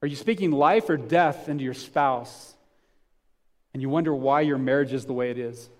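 A man's voice: medium pitch, normal speed. A man preaching a sermon as pastor, talking conversationally, with rhetorical questions and frequent restarts.

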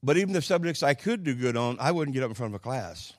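A man's voice: medium pitch, expressive, no room sound. Older Oklahoma man preaching, dry close sound. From Oklahoma, United States. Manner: folksy, plainspoken, halting with pauses and repetitions. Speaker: Pentecostal preacher. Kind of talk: sermon with personal storytelling.

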